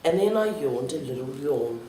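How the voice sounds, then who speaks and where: Expressive woman reading a picture book. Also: a bass voice, moderate pace, background noise. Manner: expressive, sing-song storytelling. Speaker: library storyteller. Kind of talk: picture-book read-aloud. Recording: roomy, distant library recording.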